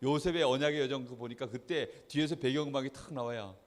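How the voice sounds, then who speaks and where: A man preaching a children's sermon as pastor, animated storytelling, asking the children questions and acting out quotes. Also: mid-range voice, fast talker, big-room sound. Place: church hall.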